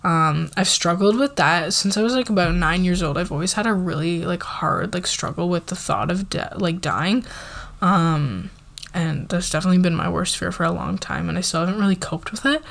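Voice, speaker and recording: An eighteen-year-old woman chatting casually as an ASMR creator answering viewer questions, soft-spoken and relaxed, filling her sentences with "like" and sometimes slipping into a whisper. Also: lowish voice, normal speed, gravelly. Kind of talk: casual Q&A chat.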